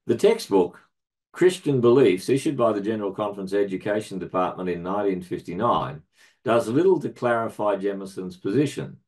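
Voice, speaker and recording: A middle-aged man reading a prepared academic paper aloud in a measured, formal way, marking each citation with quote and end quote. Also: fairly low pitch, animated, a little mellow. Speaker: research centre director presenting a paper.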